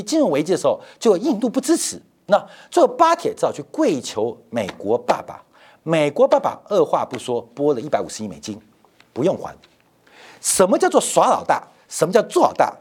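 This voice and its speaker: Man, middle-aged, financial show host, emphatic, rhetorical, repetitive, raspy, very lively intonation. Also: sits high, normal speed. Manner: animated, rhetorical, repeats phrases for emphasis. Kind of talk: emphatic market commentary.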